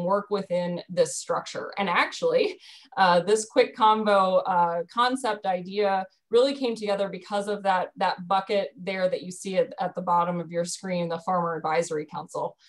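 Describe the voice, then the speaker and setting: A woman in her thirties, a staff presenter for a dairy program, explains it over a video call from her bedroom using the webcam mic. Her lowish voice is fairly even and moderately paced, and she's earnest, with frequent ums and restarts.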